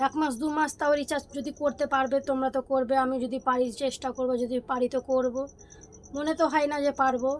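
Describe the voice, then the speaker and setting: Hoarse, high-pitched young woman ranting. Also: level tone, quick pace, slight background noise. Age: early 20s. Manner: complaining, rising to loud exasperated outbursts. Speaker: vlogger. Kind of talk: casual vlog rant.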